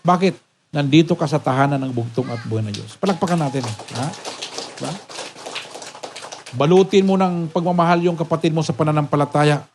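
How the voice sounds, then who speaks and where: A man preaching as a pastor, his voice pitched a little higher than most men's. He keeps checking on the congregation with quick rhetorical questions. He swings from emphatic, raised peaks down to soft, low storytelling. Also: a little hiss or hum. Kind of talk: sermon.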